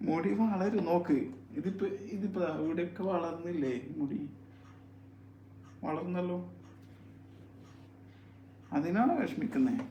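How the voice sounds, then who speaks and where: A father talking softly with his young child at home, coaxing and soothing with repeated gentle questions. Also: sits high, measured pace, pauses often, dull audio, a little hiss or hum. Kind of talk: casual home video chat with his child. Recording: roomy echo.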